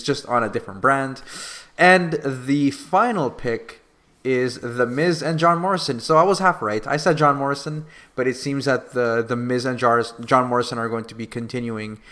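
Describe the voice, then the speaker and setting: A man's voice: mid-range voice, fairly bright tone. A man co-hosting a wrestling podcast, recapping the show play by play in a casual chat with dry sarcasm. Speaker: podcast co-host.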